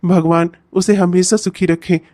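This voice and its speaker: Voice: medium pitch, steady tone, unhurried, dry recording, clean studio sound, lightly acted. कलाकार द्वारा हँसमुख बूढ़ा गाँव का काका. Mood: cheerful. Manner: warm, chuckling, repeats praise. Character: chatty elderly village uncle, proud father. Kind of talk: cartoon voice acting.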